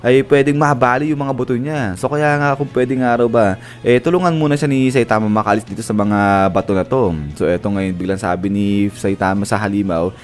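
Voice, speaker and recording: A man's voice: fairly low pitch, steady tone, fairly quick. A man casually retelling an anime episode as a recap narrator, chuckling often as he goes.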